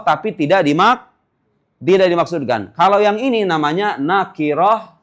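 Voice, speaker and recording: A man teaching Arabic grammar in a classroom lecture. He explains step by step, checks whether his students follow, and chants the example words slowly. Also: high-pitched, fairly bright tone. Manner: explains step by step, asking "paham nggak?".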